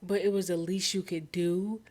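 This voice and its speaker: A woman's voice: fairly low pitch, level tone, moderate pace, a little mellow. A woman streamer playing a game, reading its text aloud and reacting in a casual, slangy, incredulous way. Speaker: gaming streamer.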